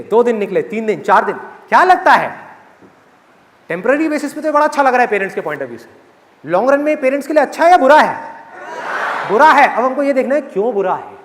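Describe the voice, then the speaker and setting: A man giving a live motivational speech to an audience in a large hall, animated and asking rhetorical questions. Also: sits high. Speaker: motivational speaker. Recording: echoey hall with faint crowd.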